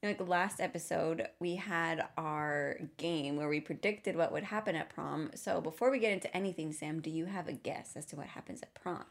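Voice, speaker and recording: A woman's voice: low-pitched, normal speed, few pauses. A woman co-hosting a podcast in casual chat, giggly and agreeable. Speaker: podcast co-host.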